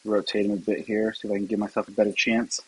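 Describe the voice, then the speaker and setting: Low-voiced man narrating his cooking. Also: quick pace, slightly rough, rough recording. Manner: relaxed, talks to camera while cooking, self-deprecating asides. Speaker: home cooking vlogger. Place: home kitchen.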